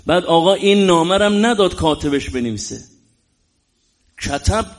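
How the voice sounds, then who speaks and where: A man preaching a religious sermon in an emphatic way, often rising into loud exclamations. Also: high voice, animated.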